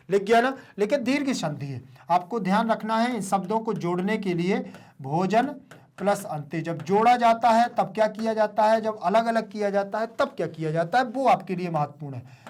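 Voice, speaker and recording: A woman teacher giving an online grammar lesson, repeating key words and asking students quick questions. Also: mid-range voice, a little mellow.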